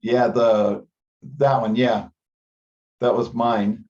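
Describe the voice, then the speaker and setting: A man joins a meeting by conference call, speaking informally and slowly in a mid-range, slightly mellow voice with little pitch movement. He tends to repeat a word as he talks, and the call audio sounds dull and band-limited.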